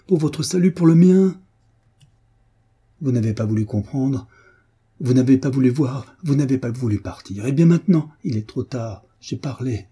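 A man's voice: medium pitch, warm tone, husky, pitched above the performer's own voice, close to an everyday voice. A man voicing a tormented young priest who speaks with impassioned, desperate intensity. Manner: impassioned, rising to outbursts.

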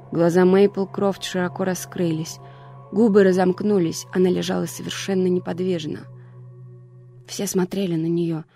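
Audiobook narrator; dark mellow tone, flat steady delivery, faint music bed. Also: mid-range voice, gravelly. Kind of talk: scripted narration.

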